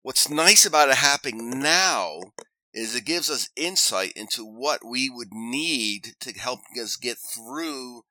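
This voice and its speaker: A man's voice: mid-range voice, lively intonation, takes it slowly, sharp tone, no echo, rough recording. A man chatting casually as a sports podcast co-host, with a stuffed-up nasal voice as if his nose were broken, getting over an illness.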